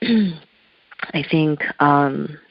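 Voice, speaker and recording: Her deep, gravelly voice comes extremely slowly over a muffled phone line, with no echo. She is a spiritual artist, Korean her first language, answering interview questions in a reflective, searching manner with loose phrasing.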